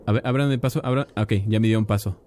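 A man casually commentating a game, chatty and excitable, talking to his viewers. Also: on the low side, fast, slight background noise. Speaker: gaming youtuber. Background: game music.

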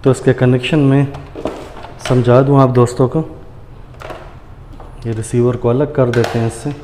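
A man with a mid-range voice speaks in a level tone, a little slowly, as he hosts a casual hands-on tutorial, walking viewers through each step and calling them friends. He works with his hands at a granite counter in a tiled indoor room. The recording is noisy and echoes off the hard walls.

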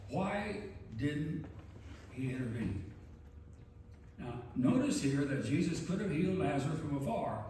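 Male pastor, earnest measured sermon delivery, recorded far off in a very reverberant church. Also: mid-range voice, a little mellow, slight background noise. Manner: earnest, measured preaching with emphatic pauses. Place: large church sanctuary.

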